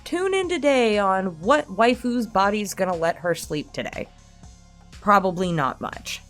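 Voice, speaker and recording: An online creator answers subscriber questions in a casual Q&A chat, her medium-pitched voice expressive and a little slow. She's candid, self-deprecating and swears freely, with faint music playing behind her.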